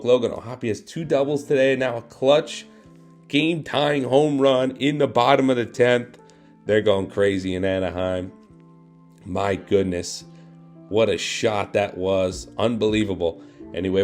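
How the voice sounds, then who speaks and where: A man giving play-by-play commentary over his own video game, excitable and quick to jump up loud at big moments, his voice a little worn. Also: medium pitch. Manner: excitable, voice jumps up and gets loud at big plays. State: losing his voice. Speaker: gaming YouTuber.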